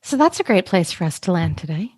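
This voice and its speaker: A woman's voice: on the low side, sing-song, brisk, darkish tone, no room sound, studio quality. A woman co-hosting a podcast, playful and acting out quoted lines in casual chat. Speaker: podcast co-host.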